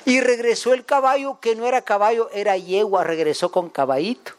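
High-voiced Guatemalan preacher telling stories. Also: male voice, brisk. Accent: Guatemalan Spanish. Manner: chatty, jokes with the congregation, asks them questions. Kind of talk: folksy storytelling sermon.

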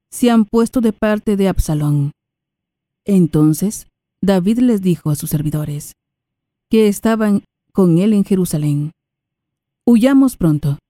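A woman reading prayers, scripture and a psalm aloud in a measured, reverent way. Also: medium pitch, mellow, dry recording, studio quality. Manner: measured, reverent, unhurried phrasing. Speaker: liturgical reader. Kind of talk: slow solemn scripture reading.

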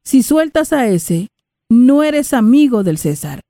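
A woman reading the part of an angry crowd of accusers, in high, loud, insistent calls. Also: very animated, unhurried, dry recording, studio quality. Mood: demanding.

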